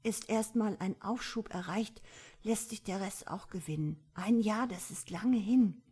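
A woman reading the lines of a bold young sun-bride from a fairy tale, speaking with lively, laughing confidence. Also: mid-range voice, measured pace, husky, pitched above the performer's own voice. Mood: cheerful.

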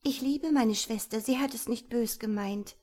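A soft-hearted, sorrowful young princess from a fairy tale, played by a woman reading aloud. Her voice rises well above the narration, pleading and plaintive, and it is louder and more urgent. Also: a little high, level tone, slow pace, pitched above the performer's own voice. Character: gentle, tearful young princess sister.

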